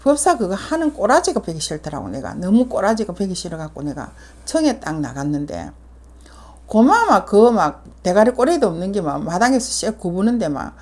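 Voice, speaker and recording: A woman's voice: medium pitch, big pitch swings, normal speed, a little mellow. An older woman with a Gyeongsang Korean accent, a shaman telling her own story in casual talk, full of fillers and acted-out lines. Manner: vivid retelling with many fillers, acting out others' words.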